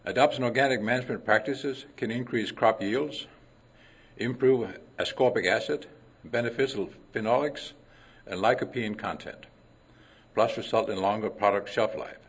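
An older man from Denmark giving a conference talk, clearing his throat often and mixing science with folksy anecdotes. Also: medium pitch, moderate pace. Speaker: conference presenter. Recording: dull lo-fi recording.

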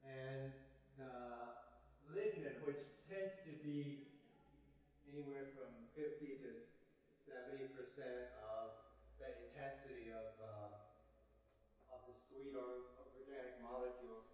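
Male conference speaker, hurried short science talk with halting delivery, recorded dull and distant in a reverberant hall. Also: medium pitch, fairly even intonation, slight background noise. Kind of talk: quick scientific lightning talk. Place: large echoey presentation room. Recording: dull, echoey hall, far from mic.

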